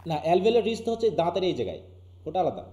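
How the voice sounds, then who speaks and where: Fast-talking Bangladeshi teacher, echoey room. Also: male voice, sits high, very animated, dark tone, muffled recording. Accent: Bangladeshi Bengali. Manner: keeps asking students questions. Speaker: English teacher. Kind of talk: live online class lecture.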